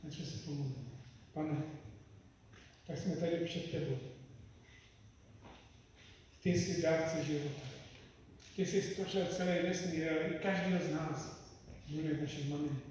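A man preaching and leading prayer, earnest and pleading, sometimes dropping to a hush. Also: a little high, fairly even intonation, pauses often, distant mic. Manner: earnest, pleading prayer with soft hushed passages. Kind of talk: sermon and prayer. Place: church hall. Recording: echoey hall, miked from afar, background noise.

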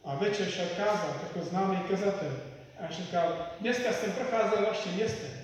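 Czech-speaking preacher in a reverberant hall. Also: male voice, sits high, recorded from a distance. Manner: earnest, pleading prayer with soft hushed passages. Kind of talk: sermon and prayer. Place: church hall. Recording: echoey hall, miked from afar, background noise.

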